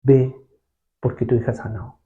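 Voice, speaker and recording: Man doing a calm solemn teacher, low and quiet, dull lo-fi sound. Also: a little slow, natural voice. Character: calm, solemn male teacher answering a plea.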